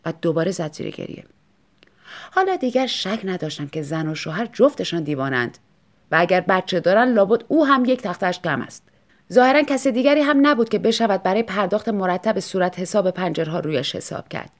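Woman reading a story aloud, calm and even, audiobook vibe. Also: medium pitch. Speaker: narrator. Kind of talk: audiobook narration.

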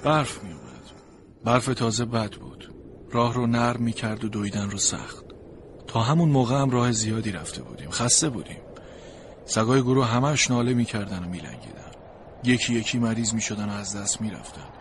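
A man narrates a storybook from a sled dog's point of view, in an expressive, plaintive way. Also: lowish voice, a little hiss or hum.

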